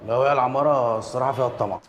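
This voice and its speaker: A dry, sarcastic Egyptian tenant, played by a man, who fires back at the doorman in quick, flat quips. His voice sits mid-pitch, with clear street ambience behind him. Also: slight background noise, lightly acted. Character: new male tenant, deadpan joker.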